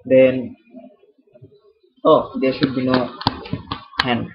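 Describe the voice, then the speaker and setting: A man teaching chemistry in a casual lesson, repeating himself often, with halting restarts and fillers. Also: mid-range voice, little pitch movement, creaky. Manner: informal and jokey with viewers. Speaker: chemistry tutor. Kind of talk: explanatory lesson over a whiteboard. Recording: dull, lo-fi.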